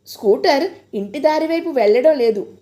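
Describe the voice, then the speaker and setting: A woman voicing a shy young man in love who speaks softly and hesitantly. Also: high voice, expressive, normal speed. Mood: gentle. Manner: soft, hesitant, pleading.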